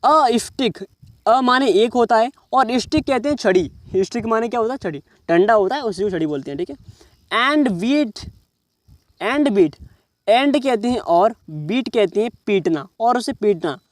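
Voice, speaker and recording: High-voiced man teaching English in Hindi. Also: animated, dry recording, clean studio sound. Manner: reads English words slowly, then explains each in Hindi; keeps checking the listener with "समझ रहे हो". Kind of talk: English reading lesson explained in Hindi.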